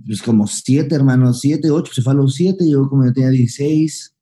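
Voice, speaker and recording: A young Mexican man recounts his past in quick, tumbling speech, slipping into slang and acting out what people said. His voice sits very dark and low in color. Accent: Mexican Spanish. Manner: fast, slangy, acts out past dialogue. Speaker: guest, comedian. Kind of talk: candid storytelling interview.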